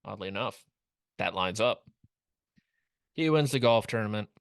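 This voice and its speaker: A young man hosts a casual sports recap, his low, gravelly voice full of wry, rambling asides. He is recorded close on the mic in a small studio, and the sound is dry and dead. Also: expressive, normal speed, dry recording. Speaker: host. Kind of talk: casual comedic commentary.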